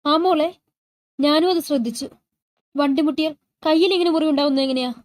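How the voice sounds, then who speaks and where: A woman's voice: high-pitched, a little fast, pitched above the performer's own voice, natural voice. A woman voicing a caring, worried middle-aged mother who speaks tenderly. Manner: tender, fussing.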